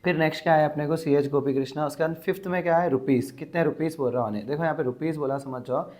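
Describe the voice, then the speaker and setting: A man teaching an exam-prep grammar lesson, explaining step by step and repeating words slowly to dictate. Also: a little high, a little mellow.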